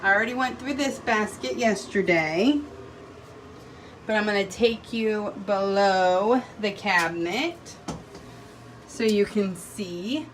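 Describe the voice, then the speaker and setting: A woman's voice: medium pitch, slow pace, far from the mic, a little hiss or hum, rough recording. A young woman vlogging casually at home, chatting as she walks viewers through her bathroom while decluttering and cleaning.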